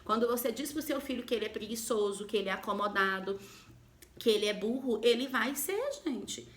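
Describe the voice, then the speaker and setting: A woman from Goiânia speaks with a bright, high voice, coaching the viewer on emotional health. She talks straight to the listener and fires one rhetorical question after another. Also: fairly quick. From Goiânia, Brazil. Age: adult, mother of a daughter. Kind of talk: motivational talk to camera.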